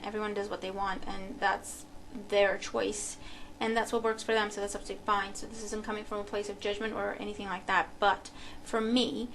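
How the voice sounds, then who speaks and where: Unboxing a deck at a table in her home, a Romanian tarot reader thinks aloud, full of fillers and false starts. Her voice sits in the middle range with a fairly bright tone, and the poor audio carries a little hiss or hum.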